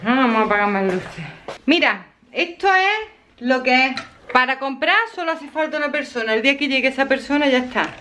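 A middle-aged woman talks straight to her viewers in a relaxed home vlog, filming herself on a handheld camera. Her voice sits a little high and she keeps the chat loose and friendly. A faint hiss runs under the recording. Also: brisk. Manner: chatty, talks straight to viewers, laughs often. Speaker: vlogger. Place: at home, indoors.

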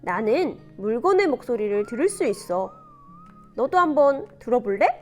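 Teacher lady doing a squeaky bouncy speech bubble buddy from a storybook, really lively. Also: normal speed, soft background music. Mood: eager. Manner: bouncy, eager, high squeals. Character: cheerful bold speech-bubble creature.

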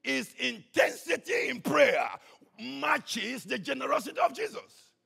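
A man preaching a sermon with passion, swinging between shouts and hushed tones. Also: extremely high pitch, big pitch swings, measured pace, gravelly, husky. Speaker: pastor.

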